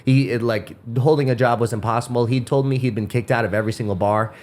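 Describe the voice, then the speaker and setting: A man's voice: medium pitch, steady tone, fast talker, a little mellow. Cursing man telling a rambling story. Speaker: podcast host. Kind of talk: casual podcast storytelling.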